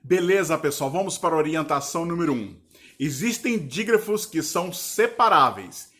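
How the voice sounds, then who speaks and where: Man teaching, slightly high voice. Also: animated, fairly bright tone, faint music behind. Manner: didactic, often checks in with the viewer; spells out syllables slowly. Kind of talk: online grammar lesson.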